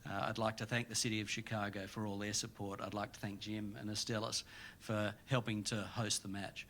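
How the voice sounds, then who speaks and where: Male rugby exec, low and monotone, formal press-conference delivery. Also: a little fast, slight background noise. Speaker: rugby union official. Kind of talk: press event speech and interview.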